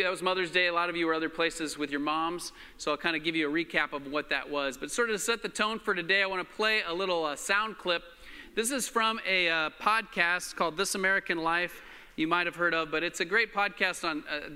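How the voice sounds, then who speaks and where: A man preaching into a pulpit microphone, his voice high and very bright. The church hall around him rings with a long reverb. He talks loosely and haltingly, full of fillers. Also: clear, resonant tone. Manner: relaxed, halting, with many fillers. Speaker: pastor. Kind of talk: sermon.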